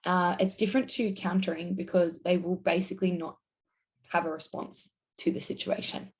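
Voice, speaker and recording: A woman's voice: fairly low pitch, little pitch movement, normal speed. A young woman casually explaining a self-help topic to her viewers, often slipping into the voices of the people she quotes. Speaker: self-help video host. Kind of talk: explaining to camera.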